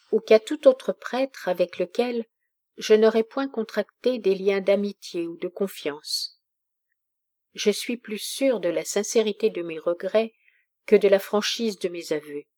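A woman reading the lines of a dying noble mother, dignified and calm, in a grave, measured way. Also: medium pitch, close to an everyday voice.

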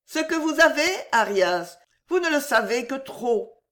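A woman's voice: lively intonation, unhurried, fairly bright tone. A woman reading a novel aloud, voicing a young, elegant, sentimental lady in a raised, indignant, exclaiming voice. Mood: earnest. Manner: indignant, exclamatory, high-pitched. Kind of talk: audiobook reading.

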